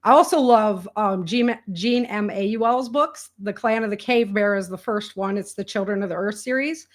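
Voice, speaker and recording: A rural American woman, an indie author and entrepreneur, shares stories as a guest in casual conversation, speaking candidly with everyday slang. She has a medium-pitched voice and talks at a normal speed.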